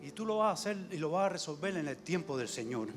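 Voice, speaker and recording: A man's voice: fairly high pitch, lively intonation, fast talker. A man preaching a fervent sermon in a church, calling out amen and hallelujah often. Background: soft instrumental music.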